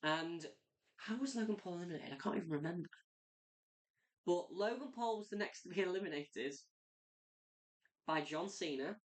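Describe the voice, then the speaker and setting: A woman giving a casual, excitable review of a wrestling event, rambling with lots of "like" fillers. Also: on the low side, moderate pace, long pauses.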